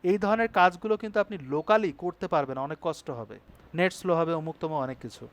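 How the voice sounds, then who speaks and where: Male instructor, high voice, brisk tutorial delivery with frequent check-ins to the class. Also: dry recording. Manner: brisk, checks in with students often. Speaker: web design instructor. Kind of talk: live online class tutorial.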